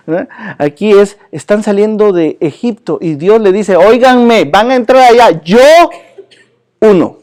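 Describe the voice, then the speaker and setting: A man teaching a church Bible class in a lively, joking way, often asking his listeners questions and calling them brother. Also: high-pitched.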